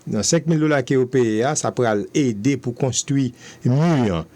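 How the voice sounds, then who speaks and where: A man's voice: mid-range voice, moderate pace, warm tone. Man hosting a radio show. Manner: brief affirmations, then switches to Haitian Creole and French to recap. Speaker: radio host. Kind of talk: radio interview.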